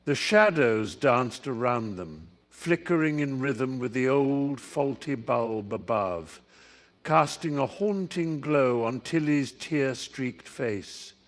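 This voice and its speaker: A man calmly narrating a bedtime story in a gentle, unhurried voice. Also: mid-range voice. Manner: calm, unhurried, gentle reading.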